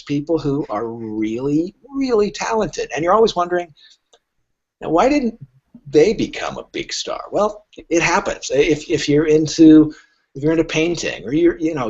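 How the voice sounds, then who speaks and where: A middle-aged or older man with a fairly high, breathy voice answers interview questions as a literary agent. He speaks frankly and emphatically, acting out imagined dialogue, over dull lo-fi podcast audio.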